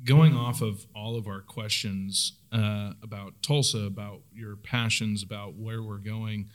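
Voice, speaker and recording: A man talking casually as a podcast host, relaxed and rambling with lots of fillers. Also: on the low side, measured pace. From Oklahoma. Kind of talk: casual chat.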